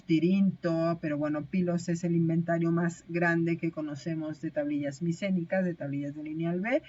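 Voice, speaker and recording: A woman's voice: on the low side, a little mellow, highs cut off. A woman teaching a recorded online lecture, explaining step by step with frequent hesitations and self-corrections.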